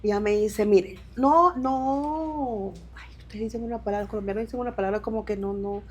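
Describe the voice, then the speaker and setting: A woman from Venezuela, in her thirties, telling her migration story as an interview guest in halting speech with restarts and quoted dialogue. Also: mid-range voice, level tone, dark tone. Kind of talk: emotional personal testimony.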